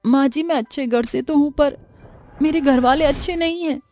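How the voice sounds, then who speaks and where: A woman's voice: sits high, moderate pace, darkish tone, soft background music, close to an everyday voice. A woman voicing an earnest young henna artist in a storybook tale. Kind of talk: storybook voice acting.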